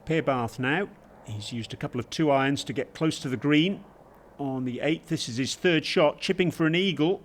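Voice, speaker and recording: A man working as a golf commentator, giving measured television highlights commentary with brief exclamations.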